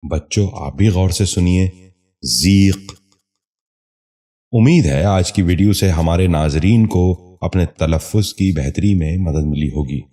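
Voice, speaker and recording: Deep, dark-voiced man teaching pronunciation. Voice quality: formal, polite. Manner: slow, careful, repeating words for learners. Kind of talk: scripted lesson narration.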